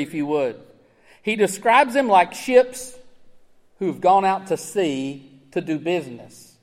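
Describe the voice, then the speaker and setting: A man's voice: on the high side, a little mellow, big-room sound. A man preaching a sermon, earnest and emphatic, asking his listeners rhetorical questions. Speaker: pastor.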